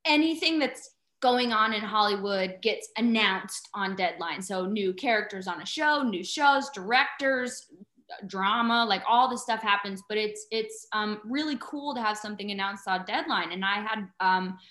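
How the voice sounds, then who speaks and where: A woman in her thirties, an actress guest telling stories in casual chat, animated and laughing often. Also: medium pitch, moderate pace, reverberant.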